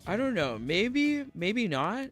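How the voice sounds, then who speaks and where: A man's voice: sits high, very animated, slow, fairly bright tone, soft background music. A man hosting a gaming channel, giving sarcastic, mocking let's-play commentary and laughing between lines.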